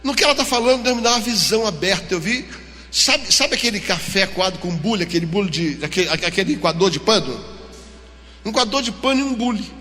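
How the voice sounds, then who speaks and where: Brazilian male pastor, forceful high voice, lively storytelling sermon, reverberant church hall. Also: fairly quick. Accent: Brazilian Portuguese. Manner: animated storytelling, acting out dialogue.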